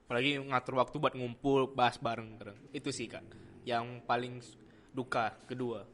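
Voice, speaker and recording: A man's voice: mid-range voice, flat delivery, normal speed, fairly bright tone, slight background noise. A young man, a university student, chatting casually as a guest and politely calling the host "Kak". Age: young adult. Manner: chatty, many fillers, calls the host "Kak". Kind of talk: casual chat.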